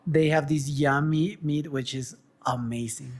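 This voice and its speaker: A woman's voice: low voice, fairly even intonation, measured pace, a little hiss or hum. Rambling woman. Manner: warm, rambling, hesitant restarts. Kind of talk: casual chat.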